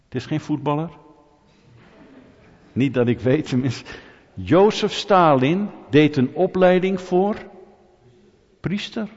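A man preaching to his congregation, throwing rhetorical questions at the room and teasing people in the pews. His voice sounds slightly husky and rings out with a long reverb through a church hall. The sound is dull and muffled. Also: a little high, slow, long pauses. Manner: lively, rhetorical, asks the audience questions, jokes with them. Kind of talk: sermon.

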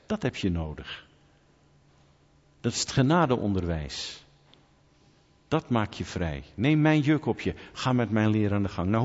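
A man preaching a sermon in church, animated and lively, swinging from quiet asides to loud, urgent calls. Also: mid-range voice. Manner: animated preaching, rising to near-shouts when quoting. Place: church hall. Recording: muffled sound in a large reverberant hall.

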